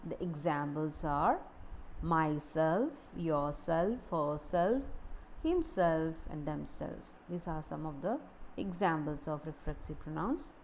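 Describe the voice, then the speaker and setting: A woman teaching a grammar lesson, explaining slowly and repeating key words. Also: low-pitched, expressive, darkish tone, slight background noise, poor audio. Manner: deliberate, repeats key words, occasional restarts.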